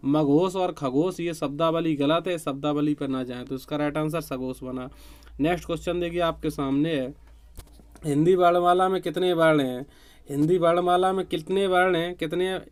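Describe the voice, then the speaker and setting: Man quizzing students, clear voice. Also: a little high, fairly even intonation, normal speed. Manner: repeats each question and answer, asks students to reply. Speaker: teacher. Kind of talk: online exam-prep quiz lesson.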